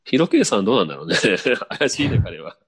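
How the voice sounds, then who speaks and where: A man with a very deep voice hosts a podcast in a relaxed, chatty way. He reads out listener mail and keeps the talk going with quick, animated speech and easy laughter. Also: creaky, breathy edge. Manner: relaxed, chatty, frequent laughter and back-channel "un". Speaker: podcast host reading listener messages. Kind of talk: casual chat.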